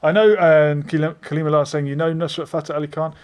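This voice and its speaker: A man's voice: fairly high pitch, steady tone, a little fast, a little mellow, clear, resonant tone. A man hosting a casual live stream, reading out viewer comments and chatting in a meandering way with frequent hesitations.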